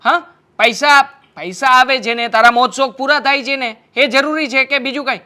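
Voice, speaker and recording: A man's voice: very high voice, normal speed, pushed and bright, exaggerated voice. A young man playing a carefree husband, breezy and dismissive in a family drama.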